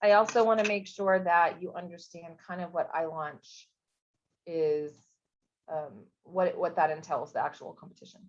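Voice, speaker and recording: A woman's voice: lowish voice, fairly even intonation, unhurried. A woman running a recorded info session, talking casually with many fillers and restarts. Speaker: program coordinator. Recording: dull, lo-fi recording.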